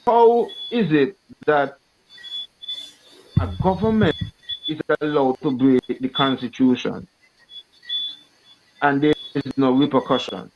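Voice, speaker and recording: A man joining a political discussion over a video call, speaking haltingly and searching for words while his audio breaks up. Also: mid-range voice. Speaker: call-in guest. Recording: dull lo-fi video call line.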